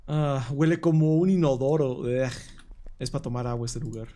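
A man's voice: mid-range voice, moderate pace, warm tone. A man streaming a horror game live, thinking aloud as he plays. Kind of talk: live gameplay commentary.

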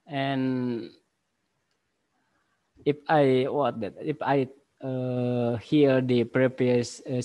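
A university lecturer in his forties with an Indonesian accent presents a conference paper over a video call from a home office lined with bookshelves. His mid-range, mellow voice comes through a laptop webcam with no room sound, and his English is halting, full of pauses, fillers and restarts.

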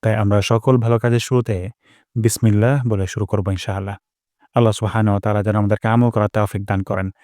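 A man teaching a pronunciation lesson for recitation, explaining calmly and stretching each sound out slowly as he demonstrates. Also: on the low side, dry recording, studio quality. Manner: slow, drawn-out demonstrations of each sound, repeated.

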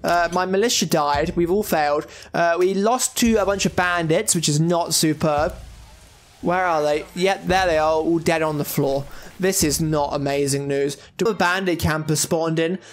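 A man's voice: a little high, normal speed. A young man giving casual, chatty let's-play commentary, thinking aloud as he plays with jokey asides. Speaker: gaming YouTuber.

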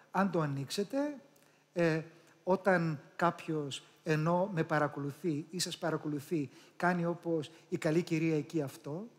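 A man from Greece with a Patras accent, coaching a live audience on public speaking, animated and demonstrating sounds aloud. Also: high voice. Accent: Patras Greek.

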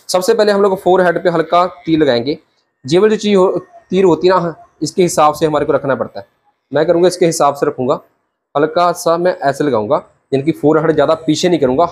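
This young barber, whose voice is on the high side and husky, gives a hands-on haircut lesson to camera in a small shop. He keeps things chatty and brotherly, says "theek hai" repeatedly, and speaks into a clip-on lapel mic.

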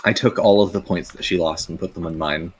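Laid-back low-voiced man hosting a stream. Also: steady tone, brisk. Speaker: stream host. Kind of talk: casual gaming chat.

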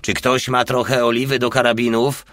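A man's voice: mid-range voice, level tone, normal speed, a bit bright, dry recording, pitched above the performer's own voice, close to an everyday voice. A man reading an audiobook voices a crude, wry small soldier with a coarse, drawling manner. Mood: boisterous.

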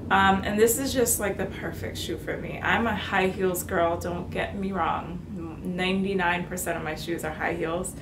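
A woman in her thirties chatting casually to camera in a room at home, bubbly and quick to laugh. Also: fairly low pitch, fairly even intonation. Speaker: fashion vlogger. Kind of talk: casual haul chat. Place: bedroom or apartment, indoors. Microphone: camera on tripod, mid-distance. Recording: roomy, noisy indoor recording.

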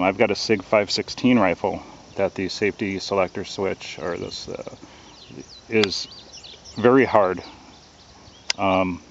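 A man giving a casual, relaxed product review outdoors, hesitant and full of ums and uhs. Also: on the low side, vocal fry, highs cut off, a little hiss or hum. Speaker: gun reviewer.

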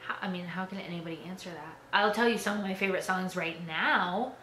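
A woman's voice: lowish voice, brisk, fairly bright tone. A young adult woman talking casually to the camera in a tag video, chatty, with lots of "like" and "um". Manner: chatty, filler-heavy with frequent "like" and "um". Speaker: YouTuber. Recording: echoey room with faint background noise.

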